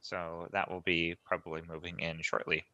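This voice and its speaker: A man's voice: deep voice, little pitch movement, normal speed, sharp tone, dry recording, highs cut off. A man going through technical issues one by one on a video call meeting, in a methodical way. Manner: methodical, detailed, hesitant fillers. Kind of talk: online meeting chat.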